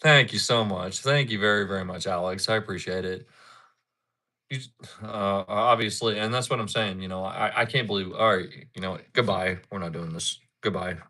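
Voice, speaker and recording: Thirties male streamer, bright forward voice, loose rambling chat with viewers. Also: on the low side, moderate pace. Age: 30s. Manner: rambling, repeats himself, talks back to chat. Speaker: livestreamer. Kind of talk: casual live-stream chat.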